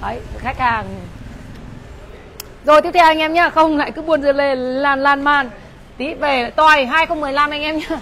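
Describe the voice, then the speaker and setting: Outdoors with faint traffic in the background, a high-voiced northern Vietnamese woman runs a motorbike shop's live sales stream. She chats at a moderate pace in a slightly bright tone, thanking and greeting viewers.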